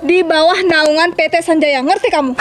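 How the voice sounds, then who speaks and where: A woman's voice: extremely high pitch, slight background noise. A woman playing a boastful village businesswoman in a skit, arguing back defiantly. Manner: snappy, defiant. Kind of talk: amateur comedy skit acting.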